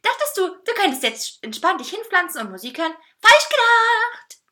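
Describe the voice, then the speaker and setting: A woman's voice: very high voice, animated, unhurried, pushed and bright, pitched above the performer's own voice, heavily acted. A woman voicing a cocky male talking cake, a whiny diva who teases and bosses. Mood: teasing. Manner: teasing, whining and bossy.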